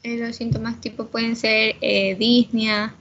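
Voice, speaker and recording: A woman's voice: a little high, little pitch movement, a little slow, a bit bright. A woman student answering hesitantly over a choppy, lo-fi online call that sounds like a drive-thru speaker. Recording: dull lo-fi call with faint noise.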